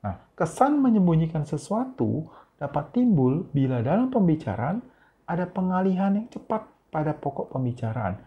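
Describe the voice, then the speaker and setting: A man's voice: fairly high pitch, very animated, normal speed. A male teacher giving a recorded lesson, explaining patiently and tagging many sentences with a questioning "ya". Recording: tinny phone-like recording.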